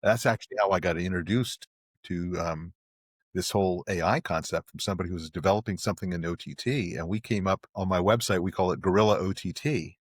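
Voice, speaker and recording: Man, middle-aged, podcast guest, rambling, low voice, dry close sound. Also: brisk, slightly rough, no echo. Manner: rambling, restarts often, animated when explaining. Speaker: podcast guest, marketing agency president. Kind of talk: casual interview talk.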